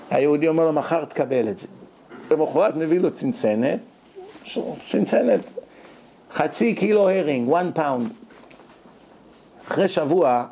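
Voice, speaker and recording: A man's voice: on the high side, gravelly. A middle-aged man giving a storytelling sermon as a rabbi, acting out the characters he quotes. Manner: animated, acts out quoted characters.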